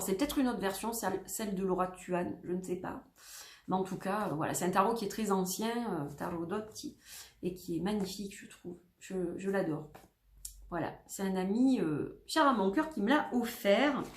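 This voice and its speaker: A woman's voice: medium pitch, animated, normal speed. Chatty French woman in an echoey room. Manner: chatty, rambling with many fillers and self-corrections. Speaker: tarot vlogger. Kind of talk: casual chat showing tarot decks.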